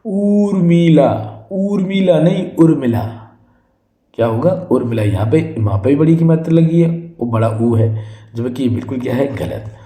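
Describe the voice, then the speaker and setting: A man teaching an exam-prep spelling lesson, saying each word slowly and more than once, then asking the class what the right answer is. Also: mid-range voice, animated, mellow, echoey room. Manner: drills each word slowly and repeatedly, asks the class questions. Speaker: Hindi teacher.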